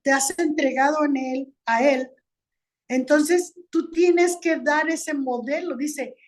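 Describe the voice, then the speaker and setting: A woman co-hosting a marriage sermon, reading a Bible verse aloud and explaining it calmly. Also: high-pitched, slow. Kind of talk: reading scripture and commenting.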